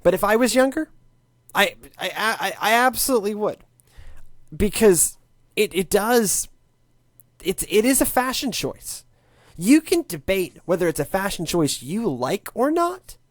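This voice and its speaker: Animated wry man in his late twenties. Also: sits high, measured pace, dry recording, studio quality. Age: late 20s. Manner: animated, wry, rambling with restarts. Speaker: podcast co-host, tech commentator. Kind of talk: casual tech podcast chat.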